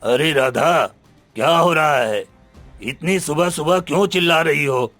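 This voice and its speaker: A man's voice: fairly high pitch, unhurried, a bit bright, no room sound, soft background music. A man playing a puzzled middle-aged husband in a cartoon, questioning.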